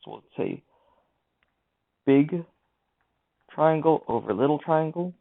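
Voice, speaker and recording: A man whose voice sits on the high side, gravelly and slow with lively intonation, teaches math by talking through each step aloud. The screen-recorded lesson has a tinny, lo-fi mic sound.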